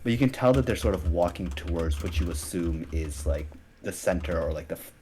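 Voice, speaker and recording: A young man narrating as game master of a tabletop game, casual and halting with many fillers. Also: deep voice, lively intonation, darkish tone, slight background noise.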